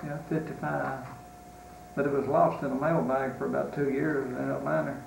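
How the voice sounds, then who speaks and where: An elderly American man with a Southern accent, a war veteran remembering in an interview, halting with long pauses. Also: mid-range voice, little pitch movement, vocal fry. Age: 80s or older. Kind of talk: unscripted reminiscence in an interview. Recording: roomy, distant mic, faint noise.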